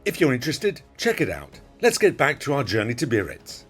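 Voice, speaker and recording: A man delivers scripted explanatory narration in an instructive way. His medium-pitched voice moves up and down in a lively, animated way. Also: brisk, slightly rough, soft background music. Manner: instructive, quizzing the viewer. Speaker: flight video narrator.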